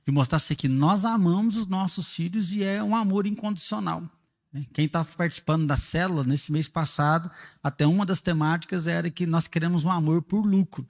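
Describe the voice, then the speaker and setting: A man's voice: a little high, a little fast, big-room sound. A father speaking in a conversational teaching talk, earnest and explanatory, often asking rhetorical questions. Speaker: father and church speaker on parenting.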